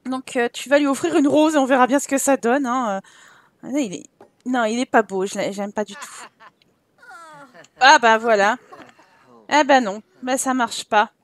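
A young woman chatting casually as she plays a life-simulation game, teasing her characters with quick exclamations. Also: fairly high pitch. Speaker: let's play host. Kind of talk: casual gameplay commentary.

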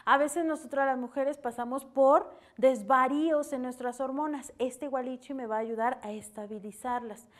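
Higher-pitched Mexican woman explaining remedies. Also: normal speed, hardly any pauses. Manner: steady explanatory delivery. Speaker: herbal advisor. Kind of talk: radio health talk.

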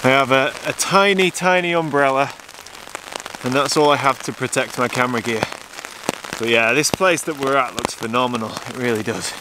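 A man's voice: mid-range voice, normal speed. Enthusiastic man vlogging in heavy rain. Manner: enthusiastic, chatty, excitable. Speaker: landscape photographer. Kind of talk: casual vlog to camera. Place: outdoors in a pouring rain forest. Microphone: camera mic, handheld close. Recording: heavy rain noise on the mic. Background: steady rain falling.

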